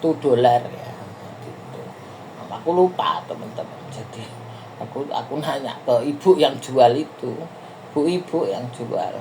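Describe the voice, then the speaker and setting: A woman's voice: rumbling low, unhurried, warm tone, slight background noise. Chatty middle-aged woman telling travel stories. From Indonesia. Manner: chatty, rambling, often addresses viewers as friends. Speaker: vlogger. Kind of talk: casual storytelling to viewers.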